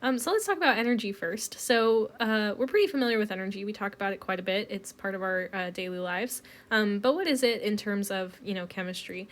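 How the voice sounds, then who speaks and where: Speaking at medium pitch, fairly quickly and with few pauses, a woman runs through a recorded chemistry lecture while recovering from a cold. She keeps it relaxed, going step by step with frequent ums.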